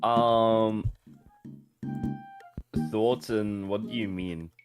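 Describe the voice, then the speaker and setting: A young man with a cold, reading aloud haltingly, then chatting casually over voice chat. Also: fairly low pitch, steady tone. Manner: halting, with many restarts. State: congested from a cold and allergies. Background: music.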